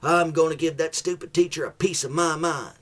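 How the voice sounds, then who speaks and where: A man voicing an indignant, semi-literate parent who rants online in an overblown, high-pitched way. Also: steady tone, moderate pace, a bit bright, lightly acted. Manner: overblown, ranting.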